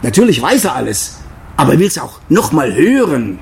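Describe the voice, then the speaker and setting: An older man giving a devotional talk as a preacher, earnest, slowing down to stress key phrases. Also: fairly high pitch, big pitch swings, gravelly, darkish tone, slight background noise. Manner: earnest, with slow emphatic stresses.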